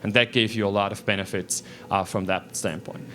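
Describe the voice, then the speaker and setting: A man's voice: lowish voice, fairly even intonation, brisk, sharp tone. A man, giving a technical presentation in a casual way, with frequent restarts and fillers. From Switzerland. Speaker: conference speaker. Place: lecture room.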